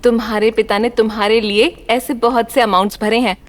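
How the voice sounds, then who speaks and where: A woman's voice: fairly high pitch, flat delivery, fairly quick, lightly acted. An actress dubbing a stern mother who scolds her son. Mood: scolding. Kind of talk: Hindi film dub. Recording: film soundtrack with loud music.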